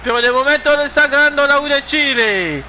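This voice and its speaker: With an extremely high pitch and brisk delivery, a man gives excited play-by-play commentary on a football video game match, prone to shouted, repeated goal calls. Slight background noise can be heard.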